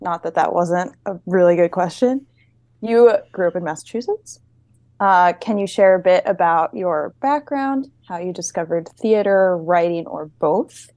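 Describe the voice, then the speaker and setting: A young woman hosts a relaxed interview with an upbeat, playful manner, teasing her guest and keeping the talk moving. Her voice is close and dry, with almost no room sound. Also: lowish voice, a little slow, no room sound. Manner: upbeat, playful, laughs easily. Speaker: host, co-founder. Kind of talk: casual interview hosting.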